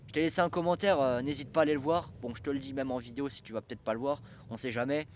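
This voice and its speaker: A man's voice: mid-range voice, steady tone, racing, slight background noise. A young man talking to camera in a casual vlog, rambling with many fillers and restarts. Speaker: train-spotting vlogger.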